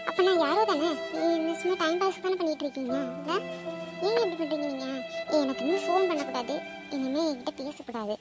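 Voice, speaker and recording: A woman's voice: sits high, fast talker, loud music behind the voice, natural voice. A woman voicing an insistent, pressing cartoon girlfriend. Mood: angry. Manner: insistent, pressing, quiet intensity. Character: young woman, anxious then furious girlfriend. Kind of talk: animated cartoon voice acting.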